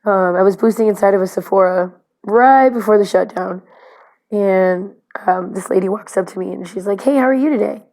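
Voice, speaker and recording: Recording a confessional vlog, this woman speaks in a dark, medium-pitched voice with fairly even intonation at a moderate pace. She rambles nervously, stumbles over fillers and false starts, and doesn't hold back on blunt swearing.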